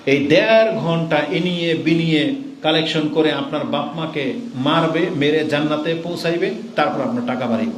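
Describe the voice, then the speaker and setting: A man giving a sermon, asking rhetorical questions and mocking how other preachers collect money. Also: on the high side. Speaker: Islamic preacher. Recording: echoey room with faint noise.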